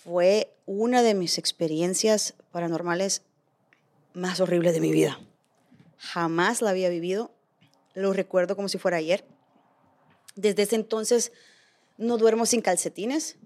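A woman on a podcast panel telling a scary personal story in a casual, animated way, dropping in English phrases. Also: fairly low pitch, unhurried, long pauses.

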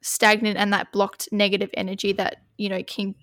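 A woman co-hosting a podcast in casual chat, talking fast and loose with lots of fillers. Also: medium pitch, flat delivery, fairly bright tone, no room sound, studio quality. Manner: chatty, filler-heavy, many "like"s. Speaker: podcast co-host.

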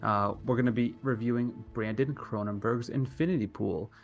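A man's voice: mid-range voice, fairly even intonation, normal speed, vocal fry, highs cut off, soft background music. A man hosting a podcast in a casual, chatty style. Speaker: podcast host.

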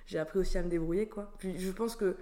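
A woman from France talking casually as a guest, chatty and quick to laugh between sentences. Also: lowish voice, fairly even intonation, mellow. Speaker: guest sharing travel stories. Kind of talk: casual conversation.

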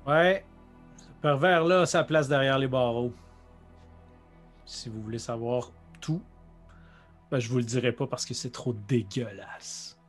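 A man's voice: medium pitch, a little slow, long pauses, faint music behind, lightly acted. A man doing a blunt ex-detective. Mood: grim. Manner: blunt, harsh, unforgiving. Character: stern hard-line former male detective, middle-aged.

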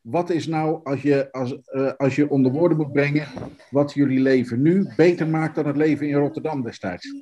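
A man's voice: a little high, normal speed, dark tone, dull audio, slight background noise. A man interviewing in a casual conversational style, often searching for words and rephrasing his questions.

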